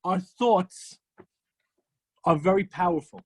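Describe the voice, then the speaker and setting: Emphatic rabbi teaching an ethics class. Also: male voice, sits high, takes it slowly, husky. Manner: emphatic storytelling, repeating phrases for effect.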